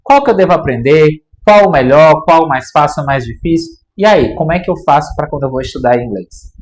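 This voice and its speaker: A fairly high-voiced Brazilian man, a native Portuguese speaker, gives an online English lesson. He explains with enthusiasm and talks straight to his viewers. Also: lively intonation, fairly quick. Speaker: English teacher.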